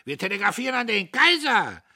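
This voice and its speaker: Brief: drunk, giggling small-town editor read by a man, high, lively, husky. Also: brisk, dry recording, clean studio sound, heavily acted. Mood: excited. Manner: giggly, tipsy, tumbling speech. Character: tipsy male newspaper editor, giggling and swaying.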